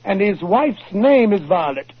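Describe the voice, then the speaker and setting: An actor playing an earnest, gentlemanly English doctor in a 1940s radio drama, speaking precisely like a seasoned storyteller. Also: male voice, sits high, big pitch swings, a little slow, slightly rough, full character voice. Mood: inquisitive, eager. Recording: muffled 1940s radio broadcast recording.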